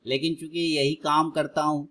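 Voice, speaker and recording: A man in his thirties hosting a live trading stream, chatting casually with viewers and loudly urging prices on. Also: fairly high pitch, moderate pace. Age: 30s. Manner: excitedly cheers prices on, then chats calmly with viewers.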